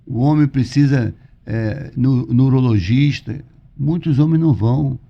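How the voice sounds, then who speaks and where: A man's voice: medium pitch, a little slow, creaky. A Brazilian man, a pastor, preaching conversationally and emphatically, repeating points and asking rhetorical questions. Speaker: pastor, podcast guest. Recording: dull lo-fi audio.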